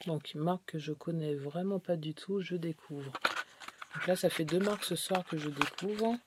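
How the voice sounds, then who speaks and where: A woman's voice: sits low, moderate pace, a little mellow, slight background noise. Chatty woman beauty vlogger. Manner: chatty, rambling, many hesitations. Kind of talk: casual haul video.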